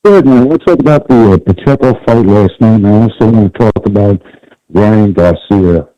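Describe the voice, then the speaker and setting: A man calling in on a fuzzy, overmodulated phone line, talking in a halting way with many restarts. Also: on the low side, dark tone. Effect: fuzzy distorted, overmodulated phone line. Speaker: caller. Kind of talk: casual call-in chat. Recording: dull distorted phone call.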